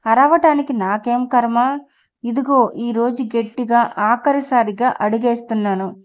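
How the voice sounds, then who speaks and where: A woman's voice: on the high side, a little slow, natural voice. A woman reader voicing a furious, proud middle-aged wife who scolds and confronts her husband in an audio novel. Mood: angry.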